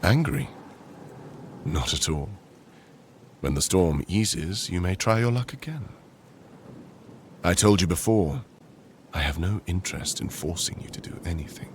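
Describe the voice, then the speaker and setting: Here a man acts as a proud and possessive conqueror king in boyfriend roleplay audio. His deep, gravelly delivery is formal, slow and measured but animated, with a dry, controlled mood and slight background noise.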